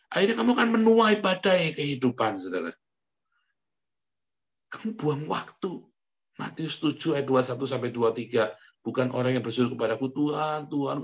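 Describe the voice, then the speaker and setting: A male pastor giving a chatty, colloquial sermon, often turning to the congregation, laughing at himself and breaking into sudden loud outbursts between quiet asides. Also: on the high side. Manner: colloquial, chatty preaching, keeps addressing the congregation; self-mocking, laughs as he talks.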